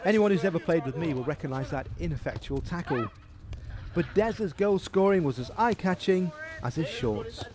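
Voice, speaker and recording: A man's voice: fairly high pitch, lively intonation, normal speed, a crowd in the background. A man presenting a regional business TV show, chatting with his co-host and narrating reports in a jokey, self-mocking way. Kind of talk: studio chat and voice-over narration.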